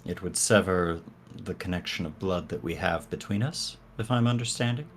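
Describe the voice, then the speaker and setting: Man playing a low-voiced, solemn cursed elf. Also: moderate pace, breathy edge. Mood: solemn, earnest. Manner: hesitant, formal, earnest. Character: solemn, devoted young male elf with a curse.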